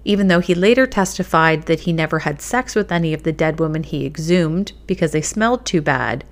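A woman reading a scripted true crime narration in a measured, suspenseful storytelling manner. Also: fairly low pitch.

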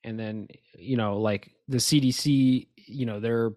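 A man's voice: mid-range voice, steady tone, a little slow, a little mellow, no room sound, clean studio sound. A man co-hosting a casual podcast, talking in a rambling, emphatic way with lots of restarts and asides. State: has the hiccups. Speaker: podcast co-host. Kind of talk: casual conspiracy chat.

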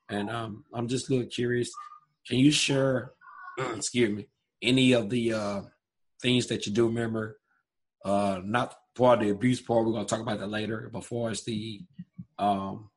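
Male interview host, hoarse and husky, fairly flat delivery, halting and apologetic. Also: lowish voice, low-quality recording. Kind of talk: casual interview.

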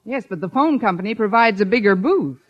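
An actress playing a wry, quick-witted schoolteacher who narrates and trades dry wisecracks in a 1950s radio comedy. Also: female voice, medium pitch, animated, close to an everyday voice. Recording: dull old radio recording.

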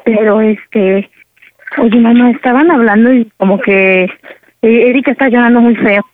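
A woman's voice: fairly high pitch, moderate pace, background noise, natural voice. A woman prank-calling on the phone, playing a scared pregnant daughter who pleads and talks over her mother. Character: young woman pretending to be two daughters. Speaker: prank caller. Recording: dry tinny phone line.

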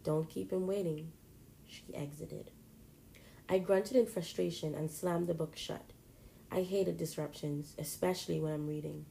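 A woman reads a first-person story aloud in a plain, steady way. Her voice is low and mellow, with faint noise in the background. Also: gravelly, rough recording.

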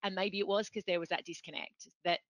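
A woman's voice: medium pitch, steady tone, brisk, fairly bright tone, dry recording. A woman hosting an interview, chatty and self-deprecating, talking in a rambling, friendly way. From from outside Europe. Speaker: interview host. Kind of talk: casual interview chat.

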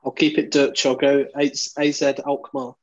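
A man's voice: medium pitch, little pitch movement, normal speed, darkish tone, dull audio. A man chatting and bantering casually as a regular on a football podcast.

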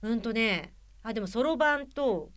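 Woman radio host, casual studio chat, lively swooping pitch, crisp bright tone. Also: moderate pace. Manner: animated, laughing, chatty. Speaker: radio personality. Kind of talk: casual chat among co-hosts.

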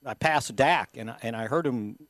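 A man co-hosting a sports podcast. He chats casually and tells anecdotes, often restarting his sentences. His voice sits mid-pitch and sounds dry and close on a studio mic. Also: moderate pace, fairly bright tone, no room sound. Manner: storytelling, many false starts. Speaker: podcast co-host.

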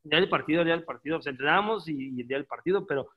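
High-voiced ex-footballer telling stories. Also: male voice, racing, lo-fi sound. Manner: jokey, laughs while telling, imitates teammates. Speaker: guest, former footballer. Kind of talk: casual storytelling, anecdotes.

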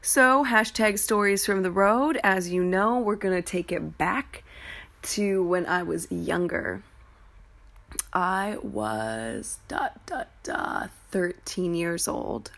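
A woman's voice: fairly low pitch, animated, takes it slowly, gravelly, fairly bright tone. A woman hosting a podcast, telling personal stories in a candid, informal way with casual swearing. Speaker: podcast host. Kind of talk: confessional personal storytelling podcast.

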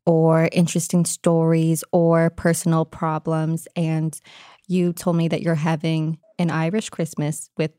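A woman hosts a casual podcast at a slow, easy pace. Her voice is a little low, and she tells jokes in a wry, deadpan way. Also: clear, resonant tone, no room sound, studio quality. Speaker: podcast host.

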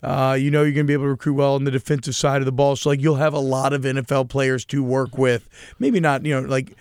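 A man's voice: medium pitch, flat delivery, quick pace, a little mellow, clean tone, no room sound. A man co-hosting a casual sports talk show, chatty and joking. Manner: chatty, joking, rambling with restarts. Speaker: sports podcast co-host.

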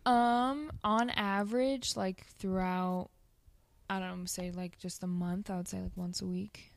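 A woman's voice: mid-range voice, steady tone, unhurried, creaky, no echo. A young woman guest speaking casually in an interview, with hesitant, informal phrasing that tends to trail off. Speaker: podcast guest, ice bath coach.

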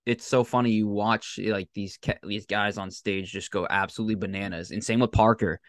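Lowish guy podcast host, sweary and slangy, into it, casual chat, dry close sound. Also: steady tone, fairly quick, no room sound.

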